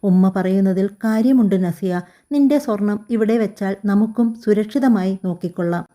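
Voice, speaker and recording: A woman reads a meek, torn young husband, speaking hesitantly to calm things down. The tone is very mellow. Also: medium pitch, moderate pace, close to an everyday voice. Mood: placating.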